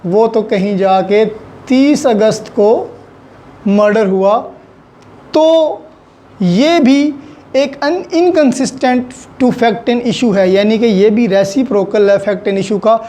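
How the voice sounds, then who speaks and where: With a medium-pitched, mellow voice and a Pakistani accent, a law lecturer explains ideas through examples. He speaks in deliberate, halting phrases and mixes in English legal terms.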